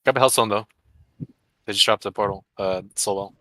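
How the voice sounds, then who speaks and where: A man's voice: on the low side, a little fast, sharp tone, no room sound, rough recording. A man in gaming voice chat, hesitant, asking about and explaining game mechanics. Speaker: raid member.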